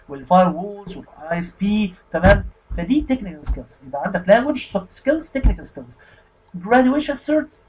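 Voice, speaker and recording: A man's voice: high voice, breathy edge, poor audio. A man with an Egyptian Arabic accent giving a casual spoken lesson on IT careers, often checking in with the listener. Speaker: IT career instructor.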